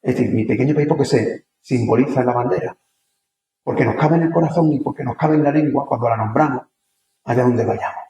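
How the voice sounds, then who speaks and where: A man's voice: mid-range voice, a little fast, mellow, roomy sound. A man from Andalusia with an Andalusian accent giving a conference lecture, talking conversationally and firing rhetorical questions at the audience. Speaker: conference speaker. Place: lecture hall.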